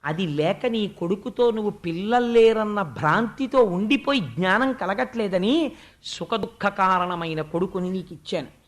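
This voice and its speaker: Animated devotional storyteller. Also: medium pitch. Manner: animated, swings between loud emphasis and hushed asides; chants verse in a slow, raised tone. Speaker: religious storyteller.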